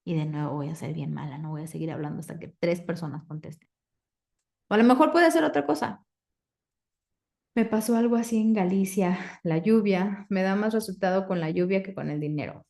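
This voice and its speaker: A woman, coaching a live group, asking the audience questions and reciting clearing phrases. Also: on the low side, fairly quick, darkish tone. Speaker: facilitator.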